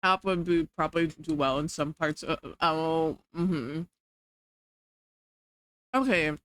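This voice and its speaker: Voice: medium pitch, slow pace, fairly bright tone, clean tone. A livestreamer chatting casually with chat while eating, rambling and hedging with lots of fillers. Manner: rambling, hedging with many "like"s, reading chat aloud.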